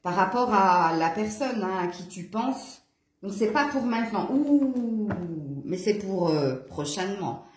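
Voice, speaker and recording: A woman's voice: mid-range voice, lively intonation, a little slow, roomy sound. A woman from eastern France with a fading southern French accent, doing a casual, chatty card reading and often breaking off with laughs or to scold her cat. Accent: southern French fading toward Franche-Comté. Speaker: card reader. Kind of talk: casual tarot reading to camera.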